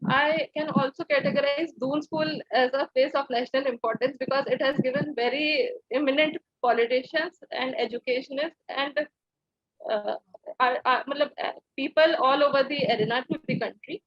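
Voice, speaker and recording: A young woman with an Indian accent gives formal, halting, deferential answers as a candidate in a mock interview. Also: high voice, fairly even intonation, dry recording. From Dehradun, India. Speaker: civil service interview candidate. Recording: dull, lo-fi dry audio.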